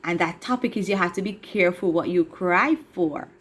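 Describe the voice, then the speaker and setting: A woman telling a children's story with a puppet, lively and asking the young audience questions. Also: lowish voice, moderate pace, a little hiss or hum. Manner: animated, addresses children directly with questions.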